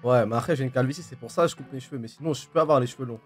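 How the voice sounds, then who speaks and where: A man from France hosting a casual voice chat as a streamer, teasing and mock-serious, now and then breaking into loud fake outrage. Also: medium pitch, very fast, soft background music. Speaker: streamer host.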